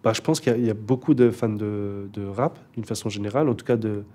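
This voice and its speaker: A young rapper, appearing as an interview guest, chats casually in a lowish, warm voice at a quick pace. He sounds laid-back and hesitant, filling his speech with fillers and restarts.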